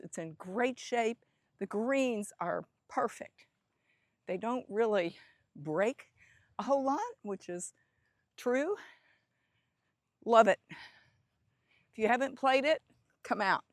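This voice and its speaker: A woman's voice: on the high side, dry recording, studio quality. A middle-aged woman hosting a casual golf vlog, chatting to herself on the course with a self-deprecating manner. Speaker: host.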